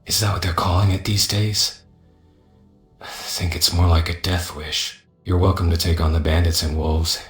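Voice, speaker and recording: A man voicing a scheming, mocking mercenary companion in a fantasy game, sardonic and condescending, with drawn-out taunts. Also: sits low, flat delivery, reverberant, soft background music, lightly acted.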